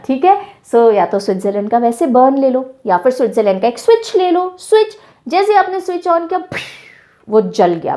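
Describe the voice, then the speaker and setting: A young woman teaches an online lesson, playfully acting out little scenes to make memory tricks stick. Her voice sits high and swings widely up and down. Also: mellow.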